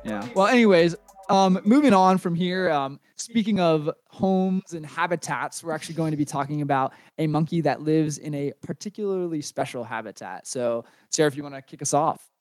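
A young man co-hosting a podcast, chatting casually and relaxed, with a self-deprecating streak. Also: fairly high pitch, moderate pace, no echo, faint music behind. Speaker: podcast co-host. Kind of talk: casual chat.

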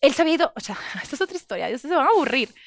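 A woman in her thirties with a Mexican accent, telling a personal story with lots of energy and acting out what people said. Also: racing. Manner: expressive, acts out quotes with big pitch jumps. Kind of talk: animated storytelling.

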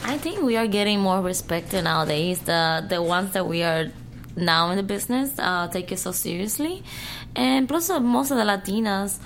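A woman's voice: mid-range voice, expressive, normal speed, slight background noise. Giggly woman. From Cuba. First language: Spanish. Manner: giggly, talks in non-standard English grammar. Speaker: interview guest. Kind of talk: casual interview chat.

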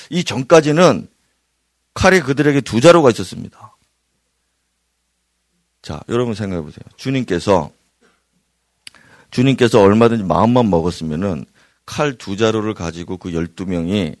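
A male pastor delivering an evening prayer-meeting sermon, swinging between loud emphatic bursts and hushed near-whispers. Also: lowish voice, no room sound, studio quality. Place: church hall.

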